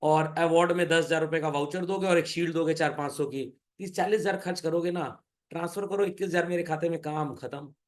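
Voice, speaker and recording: Lively high-voiced male teacher. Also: fairly quick, few pauses. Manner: animated, joking, keeps asking "Is that clear?". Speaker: commerce teacher. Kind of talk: classroom lecture.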